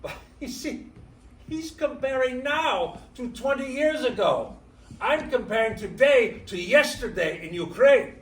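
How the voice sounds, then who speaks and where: A man's voice: a little high, measured pace, pauses often. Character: a man playing a proud immigrant clinic owner. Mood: reflective. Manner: reflective monologue, lively delivery. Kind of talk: staged theatre reading. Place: theatre stage. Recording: roomy stage sound from far off, faint noise.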